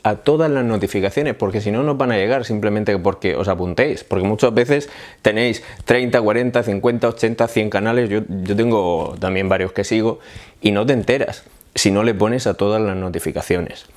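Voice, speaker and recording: Man, YouTube vlogger, heated monologue to camera, repeats himself and builds to shouts. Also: on the low side, brisk. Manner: fiery, repetitive, rising to shouts of indignation. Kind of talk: impassioned political monologue to camera.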